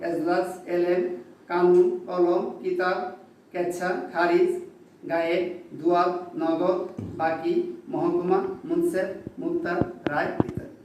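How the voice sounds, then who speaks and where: A man teaching a grammar lesson, listing example words slowly and deliberately. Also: sits high, a little mellow, far from the mic. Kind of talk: classroom-style lecture. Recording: very echoey room, voice from off-mic, faint background noise.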